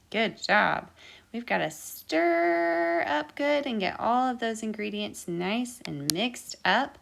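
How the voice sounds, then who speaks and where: A fairly high, creaky voice with a fairly bright tone belongs to a woman running a children's baking storytime. She keeps it interactive with counting and singing, cheering listeners on with repeated sing-song directions.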